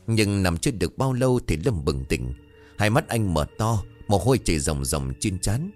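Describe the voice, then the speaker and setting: Low-voiced man narrating a ghost story. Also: big pitch swings, normal speed, a little mellow. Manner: voices the characters in dialogue. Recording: faint music behind.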